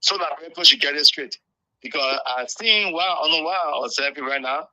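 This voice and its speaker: A Liberian man phones in to a talk show, his voice very bright and forceful. He is earnest and repeats phrases as he builds his argument, and the dull, lo-fi call takes the edge off the sound. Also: a little high, fairly quick. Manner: earnest, repeats himself while making a point. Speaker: caller.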